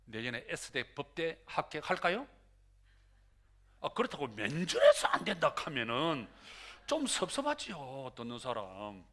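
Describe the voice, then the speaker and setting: A male pastor preaching a sermon in an animated way, acting out prayers and dialogue as he goes. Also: on the high side, a little slow.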